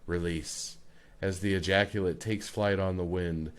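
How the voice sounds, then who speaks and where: Guy doing a low slow nature doc narrator voice, super solemn. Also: fairly even intonation, a little hiss or hum. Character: male nature documentary narrator, solemn and hushed.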